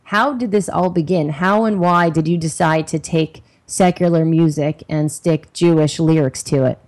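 Woman host, rambling casual chat, slightly low voice. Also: fairly even intonation, normal speed, darkish tone. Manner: rambling, many fillers and restarts. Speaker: podcast host.

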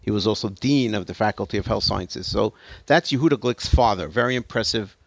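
A man's voice: on the low side, a little fast, vocal fry, dry recording, dull audio. A man giving a lecture to an audience, telling a story emphatically with hesitant restarts. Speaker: speaker giving a talk.

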